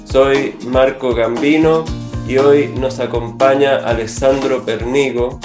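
A man hosting a radio interview, asking questions in a brisk, friendly way. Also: mid-range voice, steady tone. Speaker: radio host. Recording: roomy studio echo, faint music behind.

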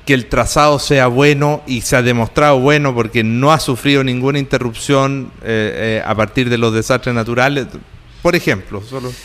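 A man's voice: mid-range voice, fairly even intonation, moderate pace, fairly bright tone, long reverb tail. A man interviewing a guest, speaking formally in long, carefully built sentences with frequent hesitations. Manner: formal, elaborate phrasing with many hesitations.

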